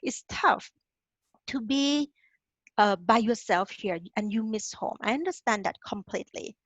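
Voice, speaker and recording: Slightly high, a bit bright, and lively in intonation, her voice comes at a somewhat slow pace; there's no echo, though the sound is lo-fi. The speaker, a career advisor from Thailand, runs a webinar for international students, coaching them encouragingly and directly while tagging lines with "okay?"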